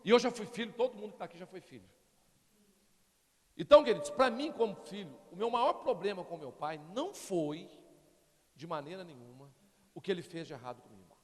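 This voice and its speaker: A middle-aged male pastor preaching a sermon, animated and constantly appealing to the congregation. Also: high voice, fairly quick, long reverb tail. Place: church.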